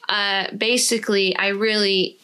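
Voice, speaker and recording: A young woman with a bright, forward voice talks in a relaxed, candid way as a podcast co-host. She is chatty and frank, and she swears without a second thought. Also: medium pitch, unhurried, clear, resonant tone. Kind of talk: casual candid chat.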